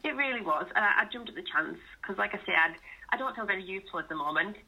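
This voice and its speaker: A woman's voice: medium pitch, lively intonation, fast talker, gravelly, bright, forceful tone. A woman who illustrates books, chatting casually as a guest on a radio show over the phone, laughing easily. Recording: tinny phone line.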